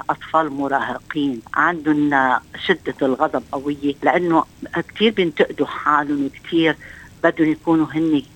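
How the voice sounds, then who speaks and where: Levantine lady counselor on the radio, talks fast, lots of um and restarts, middle-aged. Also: low voice, lo-fi sound. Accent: Levantine Arabic. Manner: explanatory, thinks aloud with fillers and restarts. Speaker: social counselor guest. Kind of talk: radio interview answers.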